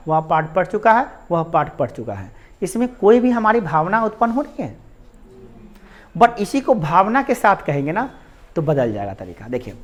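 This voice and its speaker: Guy teaching grammar, keeps asking the class questions n repeating stuff, really animated up and down voice. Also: sits high. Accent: Hindi. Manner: repeats and quizzes the listener, rhetorical questions. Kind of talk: Hindi grammar lesson.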